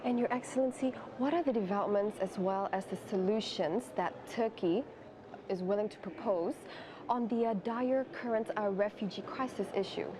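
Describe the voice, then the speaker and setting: A woman's voice: mid-range voice, normal speed. A woman interviewer putting formal, deferential questions. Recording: clear background noise on location.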